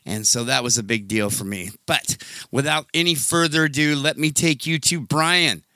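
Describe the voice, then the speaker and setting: Excitable radio man, bright crisp voice. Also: medium pitch, dry recording. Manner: excitable, drawn-out "oh yeah" catchphrases. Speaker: radio network owner introducing the show. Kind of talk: enthusiastic radio intro and storytelling.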